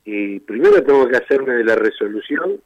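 Insistent lawyer on a muffled line. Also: male voice, mid-range voice, animated, normal speed, dry recording. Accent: Argentine Spanish. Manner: argumentative, insistent, rhetorical questions. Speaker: defense lawyer. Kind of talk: radio phone interview.

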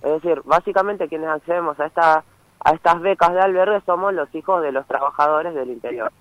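On a phone interview, a student activist in his young adult years explains his cause with earnest conviction, his Argentine Spanish accent marking him as from Misiones, and he keeps checking in with "¿sí?". His fairly high, slightly bright voice moves briskly. The phone line is muffled, without room sound.

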